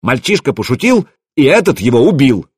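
Audiobook villain-type: a man putting on a raging Viking warrior, shrill yelling, husky. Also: animated, normal speed, no room sound, studio quality. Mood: furious shouting. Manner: shouting, hysterical.

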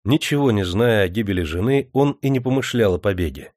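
A man reading a historical novel aloud in steady audiobook narration. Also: fairly low pitch, fairly quick, no echo, clean studio sound.

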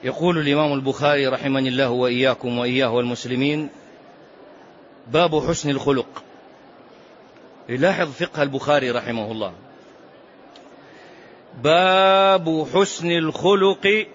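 A man's voice: mid-range voice, fast talker, pauses often. A man teaching a religious lesson to seated students. He repeats key phrases and quizzes his listeners. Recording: muffled lo-fi recording with faint noise.

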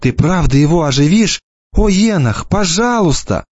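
A man's voice: on the high side, animated, moderate pace, a little mellow, slightly rough, no echo, lo-fi sound, voice pushed up. A man voicing a tearful teenage girl who pleads with her friends, in an audiobook reading. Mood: pleading. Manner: pleading, sobbing.

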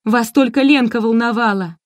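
A wounded young woman lashes out in a higher, louder voice, voiced by a female narrator. Her lines come out sharp and accusing in a dry, close recording. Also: normal speed, dry recording, close to an everyday voice. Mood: agitated. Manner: accusing, raised and agitated. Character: hurt, furious young woman, abandoned daughter. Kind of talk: audiobook character reading.

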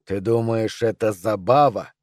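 A man reading an audiobook brings out a menacing male thug with two minds in one head. He snarls and sneers, rough and contemptuous. The sound is dry and close. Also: lowish voice, unhurried, a little mellow, dry recording, voice pushed down, natural voice.

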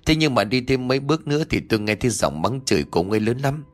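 A man's voice: mid-range voice, very animated, racing, soft background music, lightly acted. A man voicing a fretful, gossipy older village wife who nags her husband.

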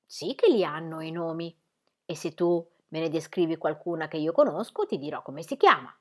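Old grandfather, read by a woman, calm, gentle, patiently explaining, storybook reading. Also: low voice, moderate pace. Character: old mountain grandfather, gruff but gentle.

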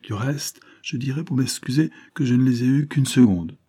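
Un homme qui prête sa voix, dans un livre audio, à un agent de police franc et enthousiaste, au ton ardent et sincère. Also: male voice, mid-range voice, moderate pace, mellow, husky, voice pushed up, lightly acted. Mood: earnest, eager. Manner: frank, enthusiastic, earnest. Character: eager, outspoken male police agent. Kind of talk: audiobook character reading.

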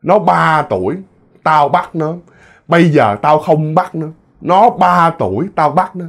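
A man voicing a fierce female ghost with a high, shrill voice. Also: a little slow, vocal fry. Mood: menacing.

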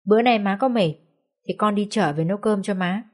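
A woman's voice: mid-range voice, a little fast, natural voice. A woman voicing a sorrowful young daughter who works as a servant, speaking earnestly through tears. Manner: earnest, tearful.

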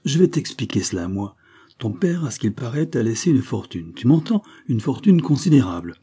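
A man reading and voicing a gruff old male guardian who speaks curtly and roughly. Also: on the low side, normal speed, warm tone. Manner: curt and rough.

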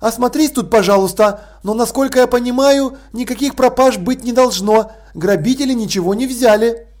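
Man voicing a polite watch officer, calm, courteous, high-pitched, audiobook. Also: moderate pace.

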